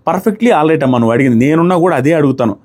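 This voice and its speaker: A man giving a casual, animated review of a reality show and talking straight to his viewers. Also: on the high side, quick pace.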